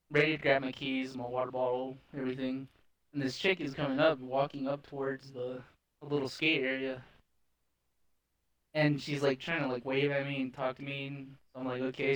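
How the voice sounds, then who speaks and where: A young man casually telling a story on a podcast, animated, swearing and laughing often. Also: mid-range voice, moderate pace, low-quality recording. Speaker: podcast co-host.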